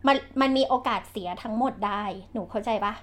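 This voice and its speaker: A woman hosting a podcast chat, giving blunt, lively advice with frequent laughter and slangy speech. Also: fairly high pitch, quick pace. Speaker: podcast host and real estate agent.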